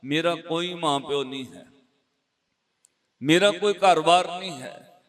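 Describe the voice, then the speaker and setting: A man's voice: on the high side, unhurried. A man doing a tearful orphan boy. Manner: soft, pleading and repetitive. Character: poor orphan teenage boy, tearful and humble.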